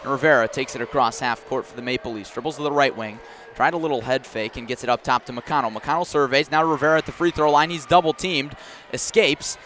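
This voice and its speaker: This is live radio sports commentary: a man with a medium-pitched, slightly bright voice gives quick play-by-play of a basketball game. He delivers it as a clipped running description that climbs on big plays, with faint gym sounds and bouncing balls in the background.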